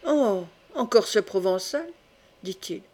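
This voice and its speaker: A woman voicing a suspicious, stern young French king who questions his court in a probing, quietly menacing way, in an audiobook. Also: medium pitch, lively intonation, takes it slowly.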